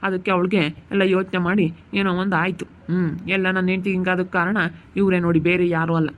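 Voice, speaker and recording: A man's voice: high-pitched, little pitch movement, quick pace, phone-quality sound, natural voice. A man playing an angry young husband who keeps scolding. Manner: heated, repetitive scolding. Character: angry young husband guarding his sick wife. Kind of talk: amateur village family drama.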